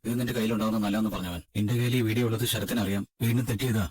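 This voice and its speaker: Man voicing a worried big brother in a serial dub, husky low voice, talks super fast. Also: steady tone, a little mellow. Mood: earnest. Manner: rapid, earnest persuading. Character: protective elder brother figure, earnest and worried. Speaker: dub voice actor.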